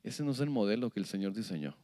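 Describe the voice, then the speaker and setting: A man preaching a sermon as pastor, animated, asking the congregation questions and acting out little scenes. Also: lowish voice, fast. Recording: long hall reverb.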